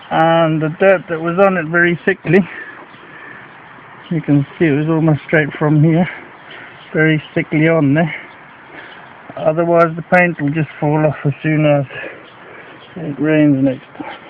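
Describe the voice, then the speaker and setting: A man's voice: on the high side, little pitch movement, unhurried, long pauses. A slightly out-of-breath man walking around outdoors by a house wall, casually explaining his work into a handheld camcorder. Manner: plain, rambling, matter-of-fact explaining. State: a bit out of breath. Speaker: home video maker. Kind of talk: casual walkaround commentary. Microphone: handheld camcorder mic. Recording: tinny lo-fi camcorder audio with faint hiss.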